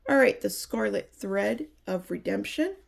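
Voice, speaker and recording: A woman's voice: mid-range voice, expressive, measured pace, gravelly. A woman giving a chatty, enthusiastic Bible review, sounding a bit nasal from allergies. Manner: chatty, enthusiastic, restarts often. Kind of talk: casual product review.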